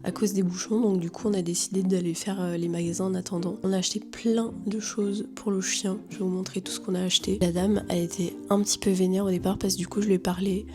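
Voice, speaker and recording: A young woman talking to her phone camera in a casual vlog, chatty and excitable, laughing often. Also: medium pitch. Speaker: vlogger. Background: background music.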